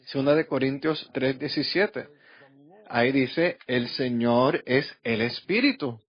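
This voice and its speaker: Middle-aged male preacher, mid-pitched, storytelling style, dull lo-fi sound. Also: unhurried, husky. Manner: storytelling, acting out quoted voices. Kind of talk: sermon with personal stories. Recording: dull lo-fi recording.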